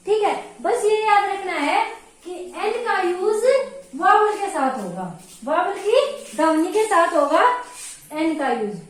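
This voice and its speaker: Lady teacher, grammar class, says things twice and checks everyone's following, super high voice. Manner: explains simply, repeats points and keeps checking with the class. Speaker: English teacher for exam preparation. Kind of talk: classroom lecture. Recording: very echoey room.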